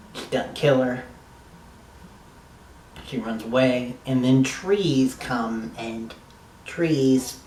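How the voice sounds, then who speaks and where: A man's voice: medium pitch, darkish tone, reverberant, far from the mic, a little hiss or hum, poor audio. A man giving a casual, rambling, enthusiastic review of a TV episode, swearing now and then.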